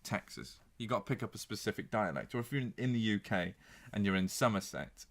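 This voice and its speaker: A man's voice: fairly low pitch, expressive, fairly quick, fairly bright tone. Sweary man, casual podcast banter. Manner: sweary, mocking banter, slips into silly voices. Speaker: podcast co-host. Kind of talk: casual chat.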